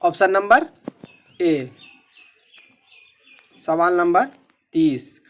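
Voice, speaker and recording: Man, high-pitched voice, methodical exam tutor, drills each answer twice. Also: animated, extremely slow, a bit bright. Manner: repeats questions and answers, methodical. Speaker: teacher. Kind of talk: exam-prep lesson.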